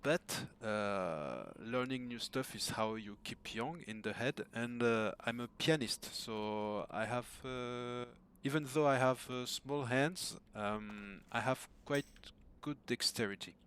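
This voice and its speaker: A man's voice: mid-range voice, takes it slowly, few pauses, a bit bright, clean tone. A man in his thirties with a French accent, talking casually to a coach, full of fillers and restarts. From France. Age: 30s. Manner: hesitant, many fillers and restarts, self-deprecating. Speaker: gamer asking for coaching. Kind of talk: casual recorded message to a coach.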